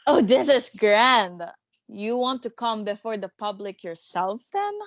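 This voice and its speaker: A woman's voice: medium pitch, normal speed, no echo, lightly acted. A bossy, self-assured theatre manager in a stage drama, played by a woman. The manner is scornful and commanding, brushing objections aside. It is recorded close and dry. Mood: amused, scornful. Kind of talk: dramatic stage-play reading.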